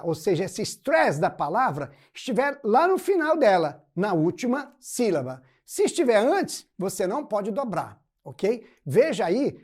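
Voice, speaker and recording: A woman's voice: medium pitch, darkish tone, husky. A woman with a Brazilian Portuguese accent, teaching English grammar rules step by step and checking in often with short prompts. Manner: explains step by step, checks in with frequent "ok?" and "muito bem". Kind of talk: recorded classroom explanation.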